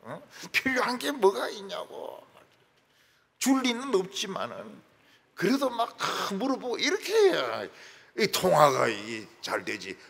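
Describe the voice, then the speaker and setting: A man preaching a sermon as pastor, animated and joking, acting out everyday phone calls and prayers. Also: sits high, a little slow, vocal fry, breathy edge. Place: church sanctuary. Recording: reverberant church hall.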